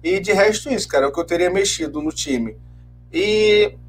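A man's voice: high voice, faint music behind. A man co-hosting a casual football chat, giving his opinions firmly. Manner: fast, casual, gives firm opinions. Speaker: football podcast co-host.

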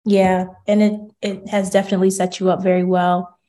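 A woman's voice: mid-range voice, flat delivery, brisk, dark tone. A woman hosting an interview, summarizing the guest's answers before asking her next question. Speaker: interviewer host. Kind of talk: casual interview conversation.

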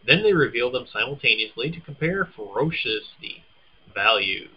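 Casual co-host, male, husky voice, teasing and playful, midrange pitch, reads game blurbs with a grin, muffled lo-fi sound. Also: sing-song, moderate pace. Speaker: podcast co-host.

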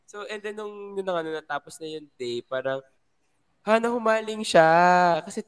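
Smooth-voiced playful Filipino man. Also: a little high, expressive, fairly quick. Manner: playful, gossipy asides. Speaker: podcast co-host. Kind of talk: casual chat recapping a series.

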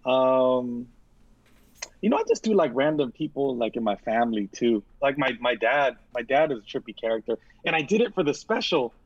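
Casual storytelling man from san francisco, does impressions, flat dead room sound. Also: medium pitch, brisk, no room sound, lo-fi sound. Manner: animated, slips into voice impressions of family and neighbors.

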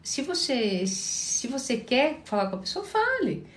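A woman from Paraná with a Curitiba accent, a therapist calmly answering viewers' questions in a live chat, sounding tired. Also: high-pitched, measured pace, echoey room. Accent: Curitiba Portuguese. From Paraná, Brazil. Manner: calm, advising, often checks in with listeners.

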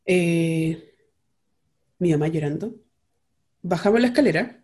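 Chatty Chilean woman, warm mellow voice. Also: lowish voice, expressive, a little slow. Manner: chatty, rambling, heavy slang and fillers. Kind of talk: casual personal storytelling.

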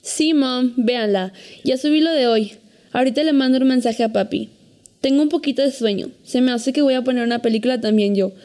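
A young woman actor playing a girl who talks softly and tiredly to her parents, then tries to talk herself down through a panic attack. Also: high voice, a little fast, rough recording. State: anxious and panicky. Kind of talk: scripted drama acting.

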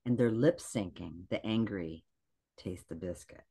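A woman guest in casual podcast chat, animated and acting out quotes in lively voices. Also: very deep voice, unhurried, slightly rough.

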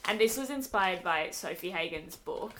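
A young woman co-hosting a podcast, talking thoughtfully with many pauses and fillers. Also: fairly low pitch, lively intonation, background noise. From Australia. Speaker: podcast co-host. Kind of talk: casual podcast conversation.

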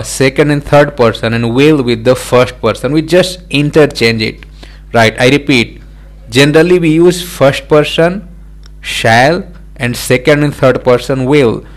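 A man with a mid-range voice teaches a grammar lesson. He explains each point step by step, stacks up example sentences and often checks in with the listener. His delivery is repetitive and full of small fillers. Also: medium pitch.

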